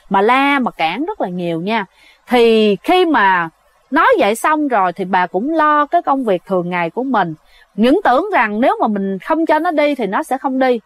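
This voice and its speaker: A woman telling a ghost story in a casual, chatty way, often addressing her listeners directly. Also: fairly high pitch. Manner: chatty, addresses listeners as "các bạn", many fillers. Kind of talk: casual spoken storytelling to viewers.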